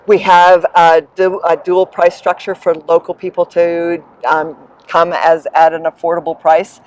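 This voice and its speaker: A middle-aged New Zealand woman, a guest who coordinates a land sailing business, answers interview questions about it with upbeat, enthusiastic energy and a warm promotional tone. Her voice is lowish, her tone level and her pace measured. The recording quality is low.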